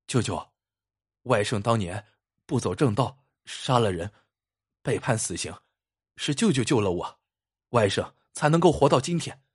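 A man voicing a pale young nephew, earnest and soft-spoken, in a ghostly told story. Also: mid-range voice, lively intonation, a little slow, long pauses, husky.

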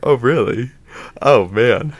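A man's voice: medium pitch, takes it slowly, no room sound. A man chatting casually in a laid-back, slangy way. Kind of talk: casual chat.

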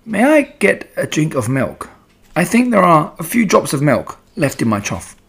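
A man's voice: fairly high pitch, huge pitch swings, moderate pace, vocal fry, a bit bright, husky, pitched above the performer's own voice, exaggerated voice. A man voicing an anxious, eager young pig in a children's story, pleading earnestly and full of questions. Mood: meek, hopeful.

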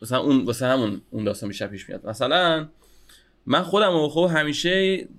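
A man's voice: medium pitch, steady tone, a bit bright. A young man talking on a casual podcast, thinking aloud and hedging with many fillers. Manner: reflective, hedges with many fillers. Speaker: podcast co-host.

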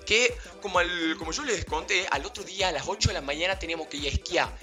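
A man's voice: high voice, quick pace, sharp tone, faint music behind. A young man telling a casual, slangy anecdote to his viewers, rambling with fillers and breaking into laughs. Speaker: vlogger.

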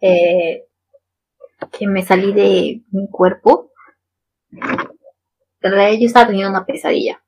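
A woman in casual chat, asking curious questions and telling her own story, with a husky voice. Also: mid-range voice, fairly even intonation, takes it slowly, pauses often, darkish tone, poor audio.

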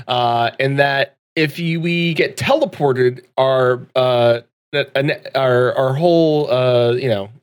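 A man's voice: mid-range voice, slow pace, clear, resonant tone. A man hosting a casual gaming podcast chat, laughing often as he talks. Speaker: podcast host.

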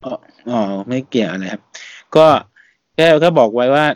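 A man hosting a casual podcast, talking in a relaxed, chatty way and laughing often. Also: medium pitch, moderate pace, dry recording, clean studio sound. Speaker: podcast host.

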